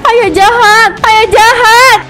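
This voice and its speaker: A woman's voice: very high-pitched, steady tone, slow pace, music in the background. A woman voicing Nadia, a brash, defiant teenage schoolgirl in a cartoon parody soap. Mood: tearful. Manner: sassy, defiant, whiny when upset. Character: teen girl Nadia, brash pick-me schoolgirl. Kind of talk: animated parody soap dubbing.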